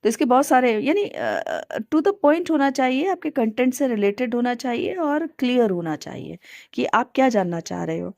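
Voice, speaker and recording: A woman's voice: fairly high pitch, expressive, moderate pace, darkish tone, no room sound. Hindi-accented woman teacher explaining methods. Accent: Indian Hindi. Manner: explanatory, many fillers, mixes English terms. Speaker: teacher educator. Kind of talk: casual spoken lesson on teaching skills.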